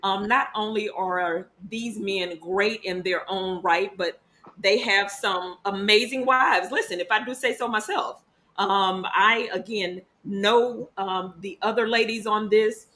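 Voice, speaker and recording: A woman's voice: mid-range voice, unhurried, sharp tone. A woman hosting an online talk show, upbeat and teasing her guests. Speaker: show host. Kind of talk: casual hosted chat.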